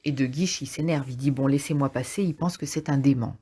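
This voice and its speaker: Low husky woman, hesitant casual summary. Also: brisk, dark tone. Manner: hesitant, frequent fillers, thinks aloud. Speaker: literature summarizer. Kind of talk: casual spoken play summary.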